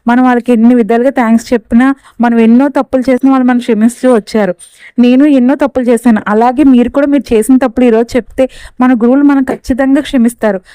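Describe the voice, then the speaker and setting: Woman doing a sincere young college girl, high smooth voice, pleading. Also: fairly even intonation, quick pace, dark tone, no room sound, lightly acted, poor audio. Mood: earnest. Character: earnest young female college student.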